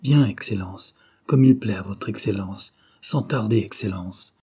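A man's voice: mid-range voice, expressive, unhurried, dark tone, slightly rough, voice pushed up. A man voicing a domineering military commandant who gives curt, barked orders. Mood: humbled.

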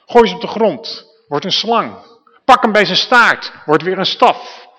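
A man's voice: high voice, lively intonation, unhurried, pushed and bright, full character voice. A man voicing God as a patient figure who talks in casual, everyday words. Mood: plain, insistent. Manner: casual everyday speech, like a friend. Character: patient, frank God speaking plainly. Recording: reverberant church hall.

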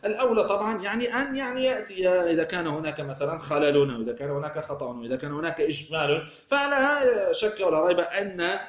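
A man teaches grammar at a fast clip, his voice sitting high. He keeps asking a question and then answering it himself, restarting phrases along the way. The room around him is echoey. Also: fairly bright tone. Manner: explanatory, asks himself questions and answers them, many restarts. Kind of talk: recorded grammar lesson.

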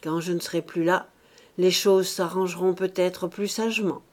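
A woman's voice: lowish voice, fairly even intonation, moderate pace, darkish tone, natural voice. A woman voicing a timid, fretful old male bishop who talks in a plaintive, raised voice with anxious outbursts. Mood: fearful, resigned.

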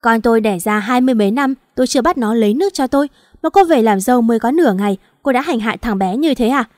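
A woman voicing a sharp-tongued middle-aged mother-in-law who berates her new daughter-in-law in a rapid tirade. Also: on the high side, no room sound, clean studio sound, lightly acted. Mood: furious scolding.

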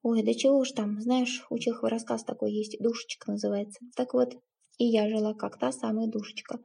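A woman reading the part of a middle-aged stepmother who speaks in a halting, tearful, self-reproaching way. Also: a little high, little pitch movement, gravelly, dark tone, slightly rough, exaggerated voice. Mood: guilty, tearful.

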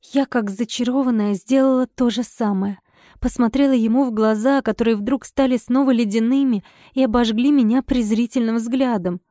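A woman narrating a first-person audiobook expressively, her dialogue flaring into sharp irritation. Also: on the high side, steady tone, moderate pace, dry recording, studio quality.

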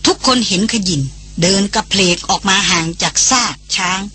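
Breathy, bright-voiced woman narrator. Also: on the low side, normal speed. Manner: steady storytelling delivery. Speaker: audiobook narrator. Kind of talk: scripted novel narration.

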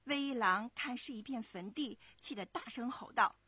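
Husky-voiced mother telling a story. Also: fairly high pitch, no echo. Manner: expressive, measured storytelling. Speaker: parent storyteller. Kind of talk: storybook narration for children.

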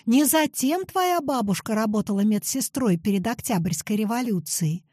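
A woman's voice: a little high, animated, normal speed, dark tone, no room sound, clean studio sound. A woman voicing a reproachful female class teacher who scolds a pupil insistently.

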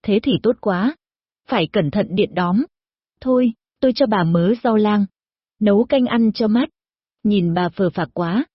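A woman voicing a nosy, chatty older village woman who pries into her neighbor's business, in a shrill, gossipy manner, for an audio story. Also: unhurried, pauses often, husky, no echo. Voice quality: shrill, prying. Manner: gossipy, scolding, probing. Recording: dull lo-fi recording.

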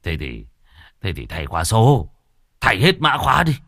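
Man playing a gruff stern older brother. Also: lowish voice, huge pitch swings, normal speed, a bit bright, dry recording, clean studio sound, full character voice.

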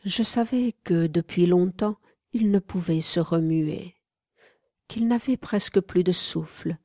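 Slow, mellow-voiced woman narrator. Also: fairly low pitch, no room sound, clean studio sound. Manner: measured, calm. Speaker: audiobook narrator. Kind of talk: literary audiobook narration.

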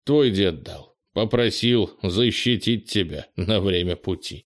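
A man's voice: deep voice, expressive, slow pace. A man doing a laconic mysterious stranger. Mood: calm. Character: mysterious disguised middle-aged man.

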